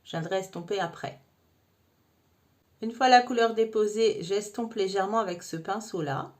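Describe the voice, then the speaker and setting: A woman's voice: mid-range voice, normal speed, darkish tone. Woman doing a makeup tutorial voiceover, chatty, keeps saying hein to the viewer. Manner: chatty, addresses viewer informally with frequent "hein". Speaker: makeup vlogger.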